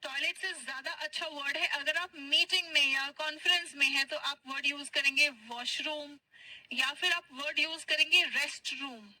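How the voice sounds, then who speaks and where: High-voiced patient English teacher woman. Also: steady tone, bright, forceful tone, no room sound, rough recording. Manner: patient, drills phrases slowly and repeats them. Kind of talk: spoken English class for Hindi speakers.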